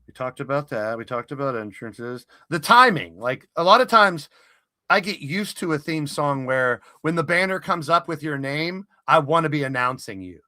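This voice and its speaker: A man hosts a live stream in a relaxed, chatty way, pausing on plenty of fillers as he walks through his points. His voice is bright and forward, and it sits a little above the usual pitch for a man. The sound is close and dry, with no room around it. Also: dry recording. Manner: conversational, explains things step by step with many fillers. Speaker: stream host. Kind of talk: casual live-stream chat.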